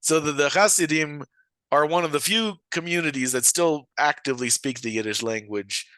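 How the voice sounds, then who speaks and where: Male podcast host, bright tone, dry close sound, casual joking delivery. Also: fairly high pitch, normal speed, dry recording. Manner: joking, rambling, laughs often. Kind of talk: casual comedic chat.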